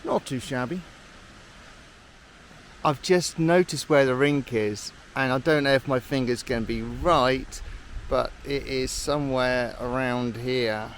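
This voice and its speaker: A man's voice: mid-range voice, unhurried, a little hiss or hum. A man vlogging on a mountain trail, chatting to a handheld camera as he walks and a little out of breath. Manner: chatty, talks to the camera while hiking. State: a bit out of breath. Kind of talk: casual walking commentary.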